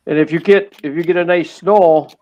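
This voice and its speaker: A man's voice: on the high side, steady tone, a little fast, highs cut off. A man chatting on a livestream as a guest, plain-spoken and joking. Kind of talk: casual chat.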